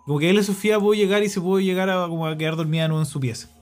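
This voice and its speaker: A man's voice: high voice, very fast, faint music behind. A Chilean man co-hosting a podcast, telling a story casually and animatedly with lots of slang. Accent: Chilean Spanish. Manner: animated, slangy, acts out voices in quotes. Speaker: podcast co-host.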